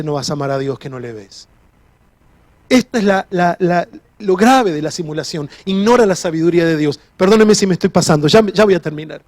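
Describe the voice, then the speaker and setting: High-voiced pastor preaching. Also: male voice, darkish tone, no echo. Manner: earnest, repeats key phrases, restarts sentences. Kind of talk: sermon.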